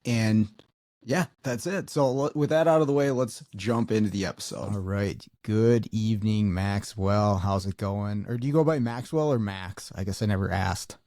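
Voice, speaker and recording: A man hosting a podcast, reading sponsor spots and chatting with a guest in a relaxed, conversational way. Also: fairly low pitch, moderate pace, no echo, studio quality. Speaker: podcast host. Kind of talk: casual podcast interview.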